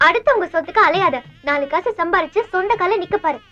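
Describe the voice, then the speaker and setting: An actress playing a firm, self-assured young woman who speaks briskly and reproachfully in a film comedy. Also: very high-pitched, expressive, fairly bright tone. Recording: slightly dull film soundtrack with music.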